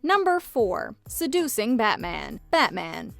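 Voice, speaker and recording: A woman narrates a scripted countdown in a fairly high, very animated voice. Faint music plays behind her. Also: slow pace, vocal fry. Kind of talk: scripted pop-culture narration.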